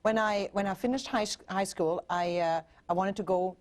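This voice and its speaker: A woman in her forties from Germany, a relationship coach, gives an earnest TV interview as a show guest, restarting often and using fillers, with a German accent. She speaks at normal speed in a medium-pitched voice with fairly even intonation.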